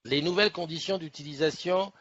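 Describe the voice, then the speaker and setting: Chatty host on a dull stream. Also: male voice, on the high side, a little fast, a bit bright, dry recording. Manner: chatty, rambling, laughs often, many restarts. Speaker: host of a morning live show. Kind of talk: casual live-stream chat. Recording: dull lo-fi live stream audio.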